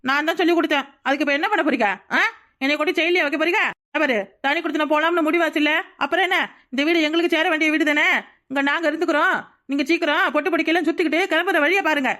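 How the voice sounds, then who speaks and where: A defiant, quarrelsome cartoon aunt, acted by a woman, firing off retorts fast in a very high, bright voice. She argues without letting up. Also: fairly even intonation. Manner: argumentative, shrill scolding. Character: quarrelsome defiant young aunt in a joint family.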